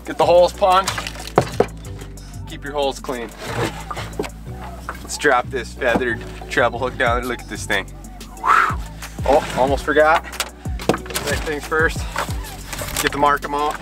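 Excitable outdoorsman on a lake. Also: medium pitch, measured pace, long pauses. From Minnesota. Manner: excitable, hyped-up fishing talk. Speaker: fishing vlogger. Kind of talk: casual outdoor vlog talk. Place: outdoors by a lake, then in a small boat on open water. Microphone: camera mic, handheld at arm's length then on a mount. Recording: outdoor camera audio with music behind. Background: music.

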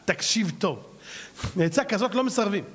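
A man's voice: sits high, lively intonation, a bit bright, breathy edge, in a large hall, heavily acted. Man playing a sly confiding friend. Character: shrewd friend giving sly advice.

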